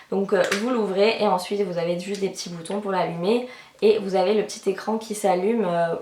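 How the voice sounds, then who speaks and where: A woman's voice: medium pitch, a little hiss or hum. A young woman giving a casual makeup tutorial as a beauty vlogger, chatty and full of fillers like "euh" and "donc voilà". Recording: roomy voice with loud background music. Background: background music.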